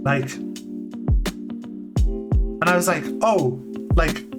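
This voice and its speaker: A man in his late thirties streaming live from a home setup. He talks casually and candidly, restarting sentences often and filling pauses with "like.". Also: fairly high pitch. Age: 30s. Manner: halting, candid, full of "like" fillers and restarts. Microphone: desk mic on a long cable. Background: faint lo-fi music playing.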